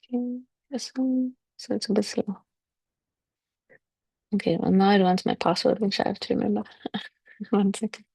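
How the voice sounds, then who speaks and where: A woman's voice: medium pitch, normal speed, creaky, long pauses, a little mellow, slightly rough, dry recording. A woman chatting casually in an online meeting over a video call with earphones, easygoing and thinking aloud.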